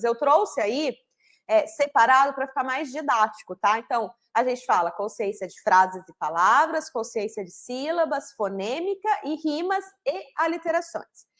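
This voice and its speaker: High-voiced teacher lady, slows way down to spell out sounds then rushes, keeps saying né? certo?. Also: animated, fairly bright tone. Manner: didactic, slows down to sound out syllables and phonemes; fast bursts with frequent "né?" and "certo?" checks. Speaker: literacy teacher trainer. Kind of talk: recorded online lesson.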